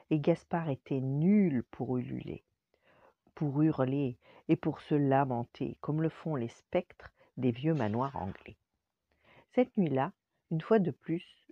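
An older woman, a grandmother, narrating a bedtime story in a lively, expressive way with dramatic pauses, in a dull, dry lo-fi recording. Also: sits low, no room sound.

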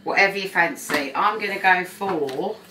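A woman's voice: lowish voice, moderate pace, background noise. A middle-aged woman, a support worker giving a friendly home cooking demonstration and encouraging her viewers. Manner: chatty, encouraging, talks to viewers as "guys". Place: home kitchen, indoors. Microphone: phone camera on the counter. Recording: home phone recording with kitchen clatter.

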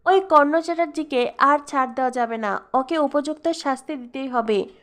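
A woman reading the lines of a resolved family man, firm and insistent, with no attempt to lower her voice. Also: normal speed, a bit bright. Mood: resolute.

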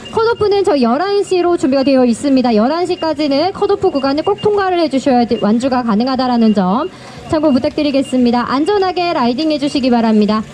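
A woman's voice: high-pitched, a little mellow. A woman making live public announcements at an outdoor cycling start, giving riders instructions in a courteous customer-service manner. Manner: repeats safety instructions encouragingly. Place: outdoors at a race start line. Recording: noisy outdoor recording with passing vehicles.

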